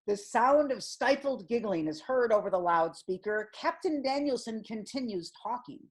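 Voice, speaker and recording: A woman narrating a comic audio play in a deadpan, measured way. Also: on the high side. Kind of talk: scripted narration.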